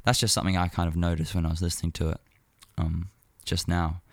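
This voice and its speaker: Deep-voiced man chatting casually about music. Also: little pitch movement, quick pace, no room sound. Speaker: music show host.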